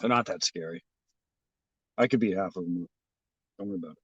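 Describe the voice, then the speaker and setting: A man's voice: deep voice, fairly quick, husky, no echo. A man streams live to his chat while out on city streets, wandering from thought to thought with plenty of swearing and filler words. His voice sits in a dry, close pickup from his phone, slightly dull and lo-fi. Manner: offhand, profane, rambling with many fillers. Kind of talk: casual rambling chat. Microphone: phone held by the streamer.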